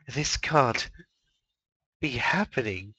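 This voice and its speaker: A man voicing a distraught young princess pony mare, crying out in shrill wails. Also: lively intonation, slow pace, pushed and bright, husky, no echo, heavily acted. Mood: despairing. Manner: shrill wailing cries.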